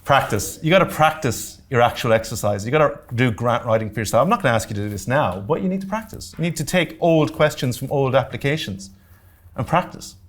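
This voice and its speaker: A man's voice: medium pitch, expressive, brisk. A man with an Irish accent presenting a grants workshop to a live audience, direct and practical, with joking asides and check-ins to make sure the room is following. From Ireland. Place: community centre meeting room.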